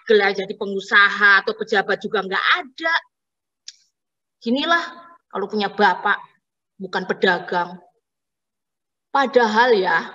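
A woman's voice: medium pitch, sharp tone, in a large hall, highs cut off. A young woman doing a satirical stand-up monologue, complaining wryly and acting out the voices in her stories. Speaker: stand-up comedian.

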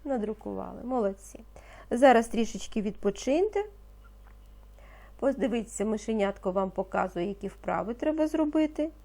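A woman teaching a reading lesson to young children, speaking slowly and patiently and pronouncing each word with care. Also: fairly high pitch, lively intonation, creaky, dark tone. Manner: slow, patient, encouraging, pronounces words carefully. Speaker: primary school teacher.

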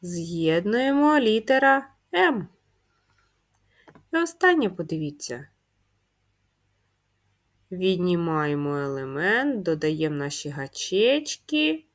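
A primary school teacher gives a slow, clearly spelled-out first-grade handwriting lesson, patiently asking questions and answering them herself. Her voice is on the low side and sing-song, her delivery drawn out.

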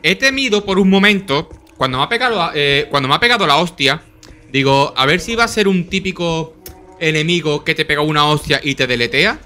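A young man with a Spain Spanish accent giving live gameplay commentary, talking to himself in quick repeated bursts and swearing and yelping whenever he is under attack. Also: a little high. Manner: excitable, swears and yelps when under attack. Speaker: gaming channel host.

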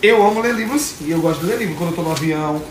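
A man chatting casually for social media stories, delighted by every gift. He sounds effusive and warm-hearted, and he turns sincere when he speaks of his late mother. A faint steady hiss sits under his voice. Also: on the high side, very fast, echoey room. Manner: effusive and affectionate, gushing over each gift. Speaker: social media personality opening birthday gifts. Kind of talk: casual chat in phone stories.

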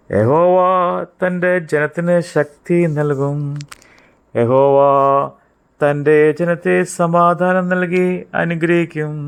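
A man reading psalms aloud in a measured, reverent devotional style. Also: sits high, clear, resonant tone. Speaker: scripture reader. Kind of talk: slow devotional Bible reading; sings a hymn at the end.

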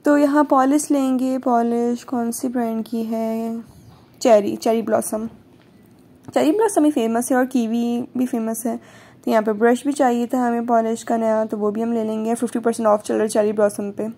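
A woman's voice: fairly high pitch, fairly even intonation, moderate pace, mellow. A young woman from Pakistan chatting casually through her shopping vlog, with joking asides. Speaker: vlogger. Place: large supermarket, indoors.

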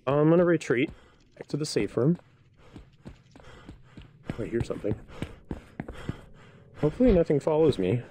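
A man's voice: fairly high pitch, animated, normal speed, long pauses, dark tone, a little hiss or hum. A man streaming a horror game with live casual commentary, scared, jumpy and swearing as he goes.

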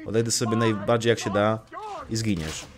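A young man plays a let's play, casually commenting on his gameplay, joking, swearing lightly, and talking back to the game's characters. His voice is lowish and his delivery brisk.

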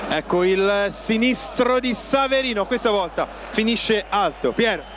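This is live football commentary from an outdoor stadium stand, captured on a noisy TV broadcast. A man with a high-pitched voice calls the action at a measured pace in short, clipped phrases, calling out players' names.

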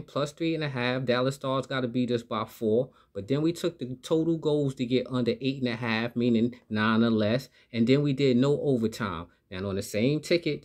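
A man hosts his own sports betting channel, speaking at an ordinary middle pitch. He keeps the energy up and talks straight to his viewers while he runs through his picks. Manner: upbeat, hypes viewers, talks straight to the audience. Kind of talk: hyped betting picks vlog.

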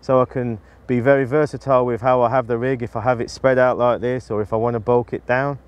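A man's voice: mid-range voice, level tone, quick pace, smooth, dull audio. A man in his forties, a match angler, gives a practical, explanatory demonstration to camera outdoors on a riverbank, talking into a lapel mic with fillers and restarts along the way. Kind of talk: instructional talk to camera.

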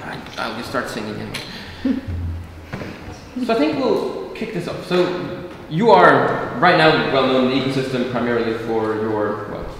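A relaxed, chatty man hosts an onstage chat in a university lecture hall. His voice sits at an ordinary pitch and comes from some distance, with a long, roomy echo and a faint hiss behind it. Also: normal speed. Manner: relaxed, chatty, with fillers and laughs. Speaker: event host and interviewer. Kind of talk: hosting a fireside chat. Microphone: far camera, seated on a desk. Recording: echoey hall heard from afar.

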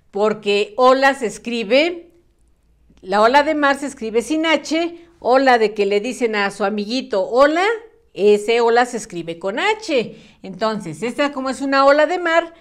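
A woman teaching a children's spelling lesson, patient and sing-song, using diminutives. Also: a little high. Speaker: primary school teacher.

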